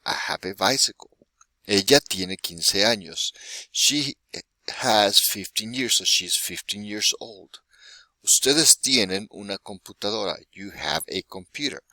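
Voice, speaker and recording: Slow, bright-voiced male Spanish teacher. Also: on the low side, expressive, no room sound. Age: 40s. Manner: patient, checks in with "right?". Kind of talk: recorded classroom lesson.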